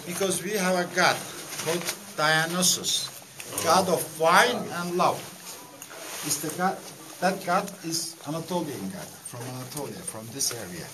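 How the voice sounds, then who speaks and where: A man working as a tour guide, explaining things to a group in halting short phrases, with an echoing cave sound. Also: on the high side, expressive, background noise. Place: underground rock-cut tunnels and chambers. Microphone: handheld camera some distance away. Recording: echoey cave, distant handheld camera mic, crowd. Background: tour group chatter.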